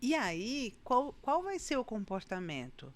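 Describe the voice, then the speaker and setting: A Brazilian woman hosts a casual podcast chat, her pitch swinging widely as she talks. She is animated and acts out scenes with vivid voices. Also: measured pace. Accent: Brazilian Portuguese. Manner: animated, acts out scolding parents in a shrill voice. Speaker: podcast host.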